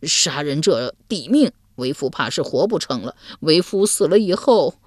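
A woman voicing a quick-tempered young man who bellows at an intruder and sobs in fear when in trouble, in a storytelling recording. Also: on the high side, very animated, no room sound, clean studio sound. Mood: frightened. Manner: shouting, then whimpering and sobbing. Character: hot-tempered timid young husband, man.

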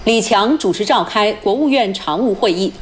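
A woman's voice: medium pitch, animated, normal speed, a little hiss or hum. A woman reading scripted news as a formal anchor, precisely, in standard Mainland Mandarin. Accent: standard Mainland Chinese Mandarin.

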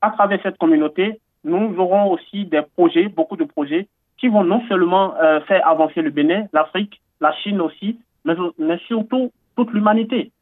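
On a radio interview, a high-voiced man from Benin speaks earnestly, often pausing on fillers and repeating himself as his enthusiasm builds. The line sounds thin and phone-like, completely dry with no room echo.

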